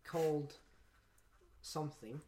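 A man's voice: on the high side, slow, warm tone, slight background noise. A young man on a casual podcast, rambling through a silly made-up explanation. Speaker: podcast co-host. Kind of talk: casual chat.

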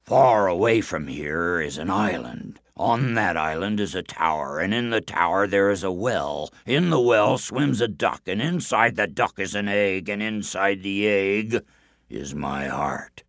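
Storybook giant, grumbling and surly, very low and gravelly, slow, as a male narrator puts him on. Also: expressive, fairly bright tone, no room sound, studio quality, exaggerated voice. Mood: reluctant.

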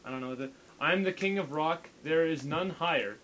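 A man's voice: fairly high pitch, normal speed, a bit bright, a little hiss or hum, poor audio. A young man hosting a casual podcast, rambling, stammering and reading posts aloud. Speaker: podcast host. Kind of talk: casual chat.

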